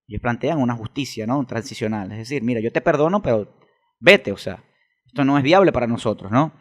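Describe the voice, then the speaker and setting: A Venezuelan political activist with a Venezuelan Spanish accent is a guest in a casual interview, arguing emphatically and firing off rhetorical questions. His mid-range, slightly bright voice is fairly quick with lively intonation.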